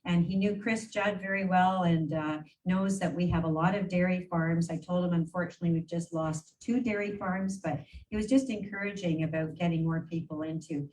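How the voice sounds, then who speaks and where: A woman with a fairly low, slightly mellow voice talks at a moderate pace with few pauses and fairly even intonation. She's an English-speaking regional council warden reporting to mayors in a casual, unscripted meeting report, rambling and chatty with frequent fillers and restarts. Her voice comes across as distant, over faint room noise.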